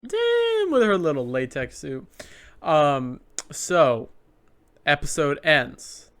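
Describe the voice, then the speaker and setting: A man's voice: fairly high pitch, slow, a bit bright. A man co-hosting a podcast, chatting casually about a reality show, laughing often and using lots of fillers. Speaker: podcast co-host.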